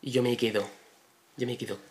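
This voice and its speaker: A young man, casually telling animated stories with lots of fillers and swearing. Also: medium pitch, brisk. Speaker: podcast co-host. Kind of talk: casual storytelling.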